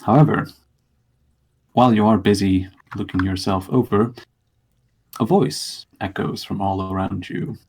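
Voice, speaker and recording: Slow, gravelly low-voiced man narrating fantasy. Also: fairly even intonation, a little mellow. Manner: deliberate, halting with dramatic pauses. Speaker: game master. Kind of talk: narrating a tabletop role-play game, slow dramatic storytelling.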